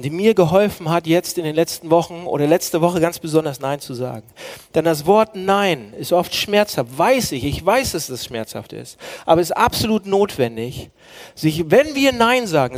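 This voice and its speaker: Earnest preacher man, dramatic hush and swell. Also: a little high, expressive, moderate pace. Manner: dramatic swings from loud declaiming to hushed near-whisper; earnest, addresses listeners as friends. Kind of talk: sermon.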